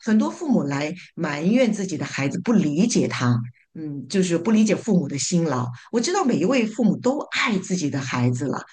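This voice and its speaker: A woman summarizing her church small group's discussion in a casual, halting way, with frequent fillers and repeated words. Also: on the low side, very animated, darkish tone. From living in North America.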